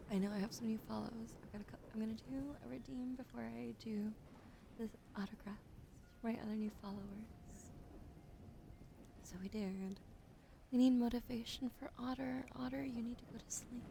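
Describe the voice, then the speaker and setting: In a slow, soothing ASMR stream, a woman with a fairly high pitch whispers gently, greeting and thanking her chat. A light vocal fry colors her voice, and a clear, steady hiss sits behind her.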